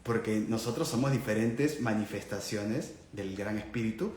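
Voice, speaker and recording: A man's voice: on the low side, normal speed, darkish tone. A man giving a live spiritual talk, explaining earnestly and checking in with his listeners through questions. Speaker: spiritual teacher. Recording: echoey room with faint background noise.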